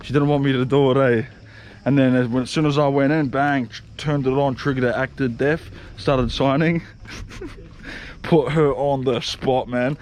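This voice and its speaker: A man's voice: mid-range voice, steady tone, unhurried, a little mellow. A young man telling stories in a casual, slangy vlog, swearing and laughing often. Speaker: vlogger. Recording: faint background noise.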